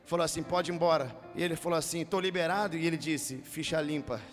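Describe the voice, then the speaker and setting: A man with a Brazilian Portuguese accent preaching a sermon as pastor, moving from told stories to shouted, half-sung preaching. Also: fairly high pitch, fairly even intonation, fast talker, big-room sound, soft background music. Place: large church hall.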